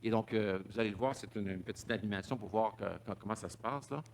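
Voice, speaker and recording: A man's voice: fairly low pitch, quick pace, a little hiss or hum. A man giving a public talk, stumbling over repeated words and fillers. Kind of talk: public lecture with slides.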